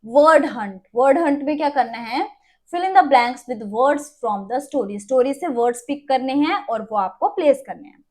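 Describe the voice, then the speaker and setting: A woman teaching an online English lesson, reading English lines slowly and explaining them in Hindi. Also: high voice, lively intonation, darkish tone.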